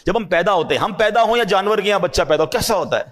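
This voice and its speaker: Male preacher with a high voice; sermon delivery, drops to hushed asides, rises to fervent cries, keeps questioning the listeners. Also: lively intonation. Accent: Urdu speaker from South Asia. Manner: swings between hushed low asides and high emphatic cries. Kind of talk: religious sermon.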